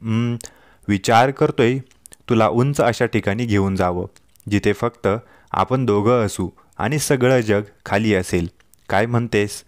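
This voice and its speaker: A man's voice: on the low side, measured pace, no echo, studio quality, natural voice. A man voicing a joking, loving young husband in a told story, light and reassuring. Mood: jokey. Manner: jokey, reassuring. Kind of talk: storytelling dialogue.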